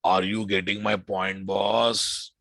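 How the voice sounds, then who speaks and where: A man's voice: fairly low pitch, level tone, slow pace, vocal fry, fairly bright tone, no echo, studio quality. A man with a Telugu Indian English accent lecturing informally as a programming instructor, emphatic, repeating phrases and often checking with the class through questions.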